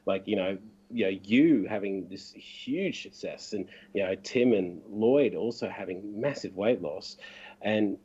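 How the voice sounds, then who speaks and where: A man's voice: fairly low pitch, measured pace, mellow, slightly rough, dull audio. A man in a casual video chat, talking in an enthusiastic, encouraging way with lots of fillers. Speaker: guest.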